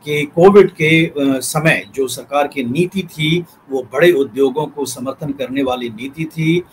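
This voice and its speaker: A man in his forties, an editor, explaining policy on a video call from a book-lined study, measured and often pausing with fillers. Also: mid-range voice, a little hiss or hum, rough recording. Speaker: newspaper editor, analyst. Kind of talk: news analysis commentary. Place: home study with bookshelves. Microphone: webcam, video call.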